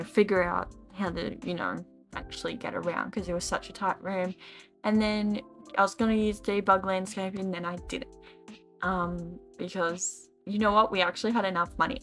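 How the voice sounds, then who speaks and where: A woman's voice: medium pitch, fairly bright tone. A tired young woman rambling and ranting in a casual, self-deprecating voice-over while she builds in a game. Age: young adult. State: tired, yawning. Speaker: Sims gaming YouTuber.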